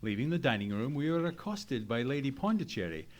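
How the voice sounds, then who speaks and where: Loud noise surrounds a man playing a Victorian English doctor on a live stage recording. He narrates in a grim old-time radio drama style, at a medium pitch. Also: sing-song, fairly quick, close to an everyday voice. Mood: grim, storytelling. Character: Victorian English doctor grimly recounting a mystery.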